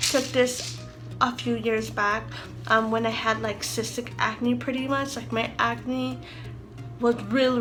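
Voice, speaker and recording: A woman in her mid-twenties chatting loosely in a casual video diary, her speech slightly lisped from wearing a retainer. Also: on the high side. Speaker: vlogger. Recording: music behind the voice. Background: clear background music.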